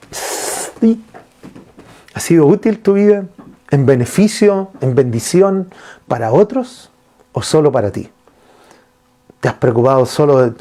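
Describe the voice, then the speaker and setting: A man preaching a sermon as pastor, asking his listeners questions and retelling scripture. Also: on the high side. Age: adult father. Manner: lively preaching with rhetorical questions to the congregation.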